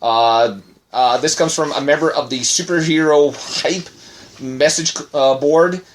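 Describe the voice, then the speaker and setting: A man's voice: fairly high pitch, a little slow. A married man co-hosting a casual podcast, rambling through news with lots of fillers and restarts. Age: adult, married. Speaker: podcast co-host.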